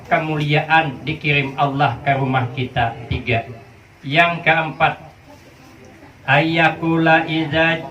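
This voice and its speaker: A man's voice: a little high, fairly bright tone. Humorous preacher in his fifties, echoey hall. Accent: Banjar Malay. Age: 50s. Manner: storytelling with playful dialogue and sing-song Arabic recitation. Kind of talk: humorous sermon. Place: hall with a live audience. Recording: echoey, distant, muffled crowd hall recording.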